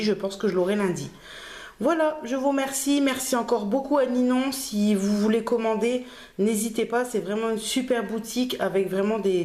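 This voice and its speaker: In a slightly high, mellow voice, a Frenchwoman who makes crafting videos walks through her latest purchases. The haul video is casual, and she hesitates and uses plenty of fillers.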